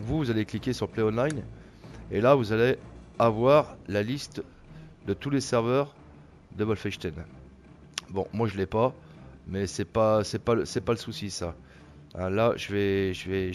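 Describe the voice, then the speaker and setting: A man's voice: on the low side, slight background noise. A man giving casual gameplay commentary as he walks viewers through an online shooter, hesitant and full of fillers and repeated words. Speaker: gameplay tutorial narrator.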